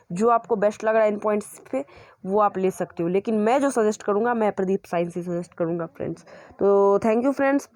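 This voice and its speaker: A man's voice: very high-pitched, no echo. Man, channel host, casual book recommendation, repetitive, hesitant fillers, dry close sound. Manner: repetitive, keeps qualifying his points. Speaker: YouTube channel host reviewing school books.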